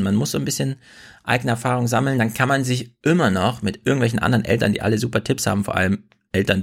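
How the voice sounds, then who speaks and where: A man's voice: on the low side, gravelly, slightly rough. A man in his thirties co-hosting a podcast, talking in a chatty, rambling way that often corrects itself mid-sentence. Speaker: podcast co-host. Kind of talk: casual chat.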